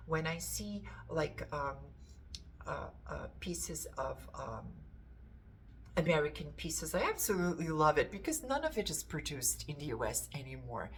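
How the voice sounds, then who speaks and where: An antiques seller from Portugal shows off pieces from her shop in casual show-and-tell, speaking with a Portuguese accent. She's enthusiastic and rambles a bit. Her voice is deep, and there's slight background noise.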